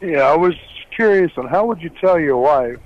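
Male caller, middle-aged, on a dull, dry phone line, a bit high for a man, plain and halting. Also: lively intonation, no room sound. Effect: heard over the phone. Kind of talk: call-in advice show.

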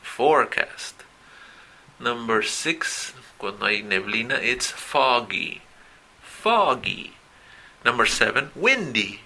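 Gravelly, bright-voiced teacher. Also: male voice, mid-range voice, expressive. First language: Spanish. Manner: models English phrases slowly and loudly, often asks "¿ok?". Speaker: English teacher. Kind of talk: recorded vocabulary lesson.

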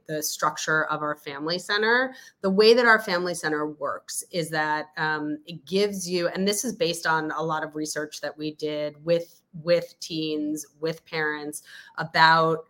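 Fifties woman guest rambling thru an answer, lots of ums and restarts, a bit low voiced. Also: a little slow, fairly bright tone. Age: 50s. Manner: rambling, many fillers and restarts. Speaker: interview guest, company spokesperson. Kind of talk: casual interview chat.

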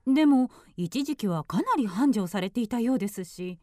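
An actress playing a courteous, gently informative woman in a radio drama, with a polite, genteel manner. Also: fairly high pitch, lively intonation, moderate pace, dry recording, studio quality, close to an everyday voice.

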